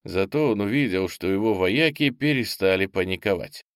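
A man reading a fantasy audiobook in steady, measured scripted narration. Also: on the low side, dry recording, studio quality.

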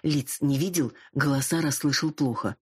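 Woman doing a nervous fox guy, aging singer, husky, slow begging confessions. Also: fairly high pitch. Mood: confiding. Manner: pleading, reluctant confessions.

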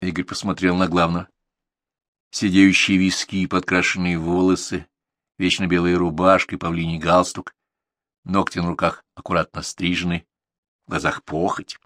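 A man narrating a novel as an audiobook, reading in an expressive storytelling manner. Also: low voice, moderate pace, no echo, clean studio sound. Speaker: audiobook reader. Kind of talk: scripted narration.

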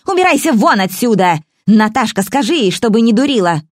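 A woman voicing an aggressive middle-aged mother in a storybook, shrieking in a high, shrill voice. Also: lively intonation, a little slow, no room sound, clean studio sound, lightly acted. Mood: furious.

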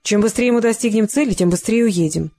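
A reader voicing a small, composed blonde woman of forty who speaks in a level, even way. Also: mid-range voice, brisk, no room sound, natural voice. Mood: cool.

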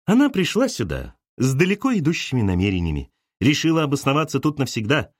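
A man's voice: mid-range voice, huge pitch swings, quick pace, no echo, studio quality. A man reading an audiobook voices a bossy, scornful little older woman who lectures sharply.

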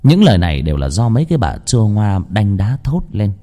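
A man narrating a horror story in a dramatic, slow and suspenseful way. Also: fairly low pitch, very animated, mellow.

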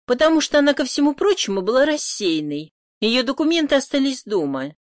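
A woman's voice: sits high, very animated, fairly quick, dry recording, clean studio sound, pitched above the performer's own voice. A woman reading an audiobook voices a haughty, irritable woman who answers sharply and scornfully. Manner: sharp, scornful, snapping back. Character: haughty, irritable middle-aged woman, sister-in-law. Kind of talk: audiobook character voice.

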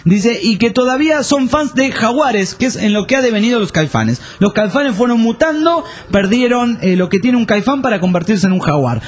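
A man's voice: very high voice, lively intonation, moderate pace, few pauses. A man hosting a radio show, reading listener messages aloud in a playful, joking way and laughing often.

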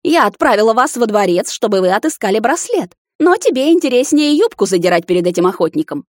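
A woman's voice: fairly high pitch, sing-song, fast, no echo, studio quality, pitched above the performer's own voice. Woman voicing a furious witch mother. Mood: scolding. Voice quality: harsh, scolding. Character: furious imperious middle-aged witch mother. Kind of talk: audiobook character voice.

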